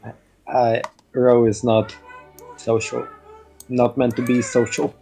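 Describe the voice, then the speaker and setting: A soft-spoken player chatting slowly and casually during a tabletop game. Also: medium pitch, level tone, faint music behind. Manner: slow and soft-spoken, laughs easily.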